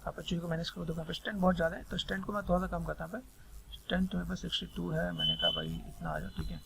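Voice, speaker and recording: A man with a Hindi accent talks fast through a screen-recorded sculpting tutorial, rambling and repeating the same filler phrases over and over. His voice sits slightly high with a gravelly edge. Faint noise hums under the recording. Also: lively intonation.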